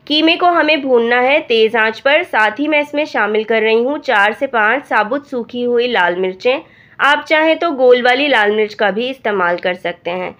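A woman with a hoarse voice from a cold, calmly talking through a recipe step by step as a cooking channel host. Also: on the high side. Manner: calm step-by-step instructing. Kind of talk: recipe voice-over narration. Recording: dull lo-fi voice-over.

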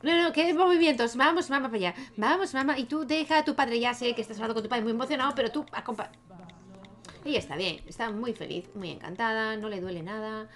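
A chatty young woman with a Spain Spanish accent narrates her life-sim game in a casual let's-play style. She talks straight to her characters and laughs easily. Her voice sits a little on the high side. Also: fast talker. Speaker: gaming youtuber.

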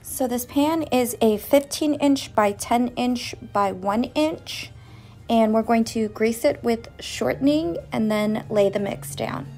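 Casual home-baking host, woman, higher voice, light music under the narration. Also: takes it slowly, dark tone. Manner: chatty, walks through steps one by one. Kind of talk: casual cooking voice-over. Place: home kitchen.

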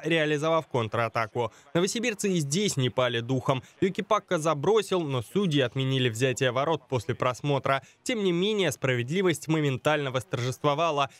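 A man narrating a scripted sports report as a reporter. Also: a little high.

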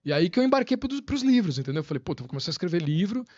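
A man's voice: sits high, racing, no room sound, muffled recording. A man guest on a podcast, chatting casually and telling stories with lots of slang and acted-out quotes. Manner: animated storyteller, slangy, acts out quotes. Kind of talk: casual chat.

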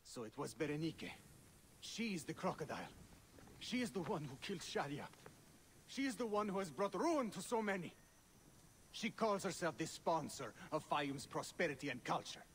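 An actor playing a resolute male warrior hero who speaks in a measured, grave way in a video game. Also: fairly high pitch, sing-song, fairly bright tone, a little hiss or hum. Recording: faint game ambience behind.

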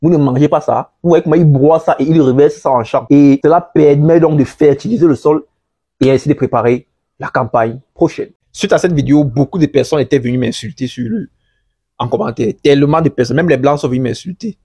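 Treating his audience as friends, the host of an agriculture channel talks them through a video in French, a language he didn't grow up with. He speaks briskly in a fairly high, mellow voice with a breathy edge.

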